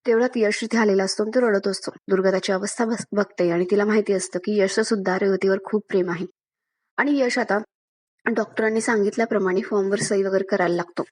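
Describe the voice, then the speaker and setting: A woman reviewing a TV serial, retelling an episode's events at a steady pace. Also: mid-range voice, quick pace. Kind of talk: episode recap narration.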